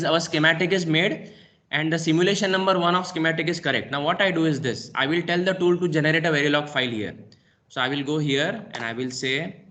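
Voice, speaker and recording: Indian man talking through a software demo. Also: on the high side. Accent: Indian English. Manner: talks through each click step by step, frequent "okay". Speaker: lecturer. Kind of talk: screen-recorded software lab demo.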